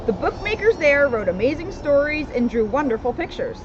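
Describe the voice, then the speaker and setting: Standing outdoors on a town street, a woman briskly reads from a children's storybook, her high voice swinging widely in pitch as she tosses in casual asides. Loud street noise fills the dull recording.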